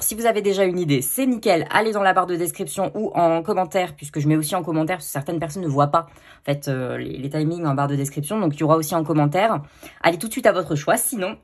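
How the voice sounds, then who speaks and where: A woman's voice: on the low side, slightly rough. A woman giving a chatty tarot card reading, with frequent fillers and self-corrections. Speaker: tarot reader. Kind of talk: casual card-reading video.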